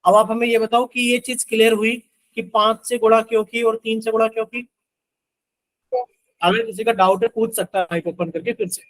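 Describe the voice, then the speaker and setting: A man with a high voice teaches math live, walking through each step and chanting the times tables as he goes. He keeps prodding the class to answer him. The sound is dry and close. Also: little pitch movement, normal speed, fairly bright tone, dry recording, poor audio. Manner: coaxing, repeatedly asks students to answer; works sums aloud with Hindi multiplication-table chants.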